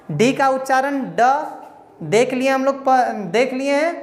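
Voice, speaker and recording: A woman with a fairly high voice teaches English pronunciation, walking through each rule step by step and answering her own questions as she goes. Her voice rings out in a room with a long, echoing reverb. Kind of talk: pronunciation lesson.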